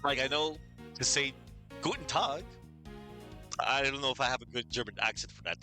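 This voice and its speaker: Faint music sits behind this man's quick, bright, forceful mid-range voice as he live-streams a game. Speaking English as a second language, he chats in a casual, rambling, hesitant way, peppering his speech with "like" and chuckling at himself.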